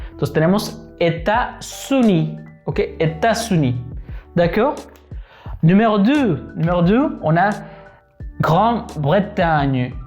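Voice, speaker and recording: A man teaching a beginner French lesson, patiently repeating each word slowly and checking in with his students. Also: a little high.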